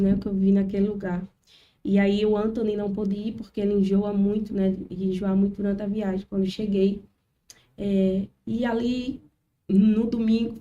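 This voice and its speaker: This woman, a children's ministry worker guesting on a podcast, speaks at a medium pitch through lo-fi audio captured from afar. Her testimony comes in casual conversation, told with animated storytelling as she voices the people she quotes.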